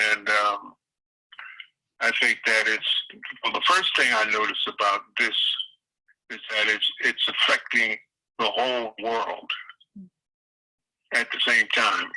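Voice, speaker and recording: Older male interviewee, calm and reflective, rough-edged voice, harsh bright phone-line audio. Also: on the low side, a little slow, long pauses. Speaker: interview guest, community elder. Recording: tinny phone line over speakerphone.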